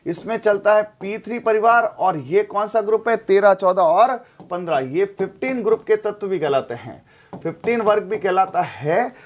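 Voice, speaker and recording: A man's voice: sits high, animated, moderate pace. A man teaching chemistry, repeating his points and asking and answering his own questions. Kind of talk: classroom lecture with call-and-response drills.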